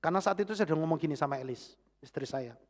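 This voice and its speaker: A middle-aged man with a Javanese accent preaching a sermon with personal testimony, animated, swinging from loud exclamations to hushed asides. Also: fairly high pitch, very fast. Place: church hall. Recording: long church hall reverb.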